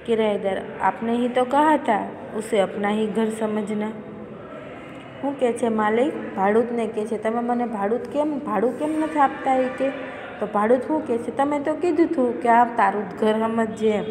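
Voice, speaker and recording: A woman's voice: on the high side, moderate pace, crowd noise. A woman from Gujarat teaching a class. She reads each line aloud, then patiently explains it again in plain words. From Gujarat, India. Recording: echoey room with long reverb and faint hiss.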